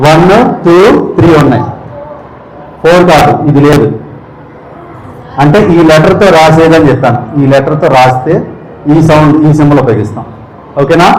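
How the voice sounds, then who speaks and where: A man teaching English speech sounds, often quizzing listeners and slowly repeating each sound. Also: on the high side, a little hiss or hum. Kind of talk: spoken English phonetics lesson. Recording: echoey room.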